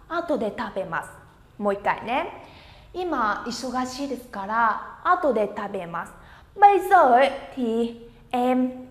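High-voiced woman teaching, echoey room. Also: a bit bright. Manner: encouraging, drills words aloud for students to repeat. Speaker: Japanese teacher. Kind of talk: language lesson. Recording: echoey room with long reverb.

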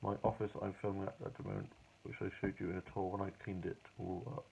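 A young British man chatting casually and quietly at home in the evening, rambling through his day for a diary vlog, filmed on a phone at arm's length. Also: low voice, little pitch movement, fast, creaky, highs cut off, slight background noise. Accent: British English. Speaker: vlogger. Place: hallway home office, indoors at night. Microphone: phone or webcam at arm's length.

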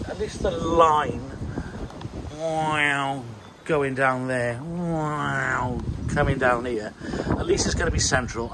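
In this casual how-to vlog, a medium-pitched Welsh landscaper in his fifties talks through his patio job with chatty self-mockery against a noisy background. He records outdoors in a garden by a house using a handheld phone, later switching to a plugged-in mic.

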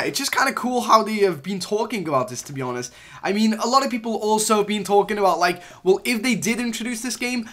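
A man's voice: high voice, a bit bright. A young man casually talking through gaming news for his channel, chatty and rambling, with frequent fillers and restarts. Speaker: gaming YouTuber. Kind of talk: casual game news commentary.

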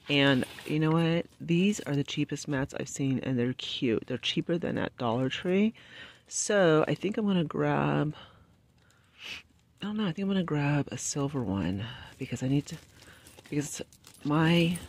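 A woman's voice: a bass voice, a little hiss or hum. Chatty woman shopping. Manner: chatty, gushing over cute finds. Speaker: shopping vlogger. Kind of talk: casual shop-with-me commentary. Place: retail store aisle. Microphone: handheld phone camera.

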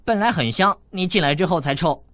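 A man's voice: sits high, lively intonation, a little fast, fairly bright tone, no room sound, pitched above the performer's own voice. Man voicing a brash boy rogue, audiobook, bragging and mocking. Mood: brash teasing. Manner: boastful, teasing, crude. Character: cheeky brash teenage boy rascal.

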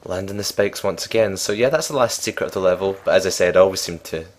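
A man's voice: low voice, fast talker. A young man casually commenting on his gameplay as a let's play host, rambling and joking at his own expense. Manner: chatty, rambling, self-mocking.

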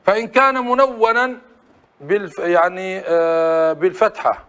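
High-voiced man teaching a class. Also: fairly bright tone, smooth. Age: adult. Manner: asks the class quick prompting questions. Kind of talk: classroom grammar lesson.

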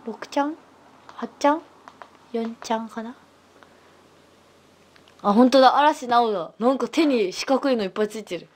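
A woman hosting a casual livestream and chatting to her viewers over a phone mic, playful and giggly, slipping into dialect and rough slang. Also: on the high side, normal speed, long pauses, dry recording. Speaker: livestream host. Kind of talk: casual livestream chat reading viewer comments.

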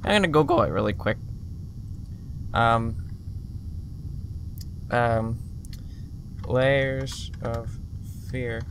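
Jumpy, gravelly man playing a horror game. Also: medium pitch, extremely slow, pauses often. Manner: jumpy, mumbling, swears, shouts at the game. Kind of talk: casual gameplay commentary. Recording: loud background noise.

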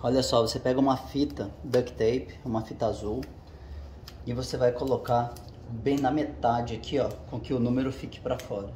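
In his home garage with the door open, a channel host explains each step of a casual how-to while working with his hands, checking in with viewers as he goes. His mid-range voice is steady, a little mellow, and at normal speed. The garage echoes, and there's slight background noise.

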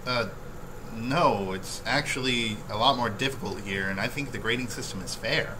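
A young man answering as a student in a deadpan comedy interview. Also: medium pitch, normal speed. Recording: clearly noisy room with hum.

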